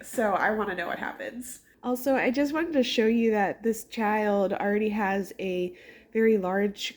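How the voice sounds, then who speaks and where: A woman chatting casually and cheerfully in a book vlog, often saying "like" and laughing softly. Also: medium pitch. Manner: chatty and upbeat, with frequent "like" and soft laughs. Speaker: book vlogger. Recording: echoey room.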